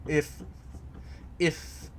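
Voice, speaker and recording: Speaking very slowly over a little hiss or hum, a man hosts a live chat from his home basement recording area, casually explaining a topic with hesitation, lots of fillers and restarts.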